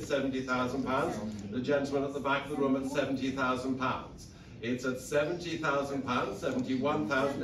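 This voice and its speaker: A middle-aged man working as an auctioneer, calling bids at a live auction in a steady, rhythmic, repetitive patter. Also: mid-range voice. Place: auction saleroom, indoors. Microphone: lectern mic, filmed from the audience seats. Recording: echoey saleroom from far back, audience around.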